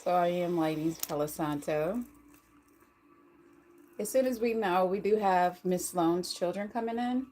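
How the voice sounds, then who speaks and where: A woman's voice: lowish voice, a little slow, long pauses, darkish tone, a little hiss or hum. A woman hosting a live stream before a guided meditation, greeting viewers by name in a casual, friendly way. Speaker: livestream host and sound bath guide.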